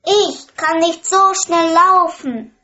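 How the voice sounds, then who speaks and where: A small talking frog from a storybook, played by a woman, pleading in a drawn-out, high, bright voice. Each word comes very slowly. The recording sounds a little dull. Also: animated, heavily acted. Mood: calling out.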